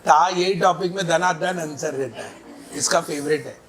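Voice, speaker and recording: A man's voice: fairly high pitch, normal speed, crowd noise. A man teaching chemistry in a classroom lecture, quizzing students with repeated questions and mixing in playful breakup jokes.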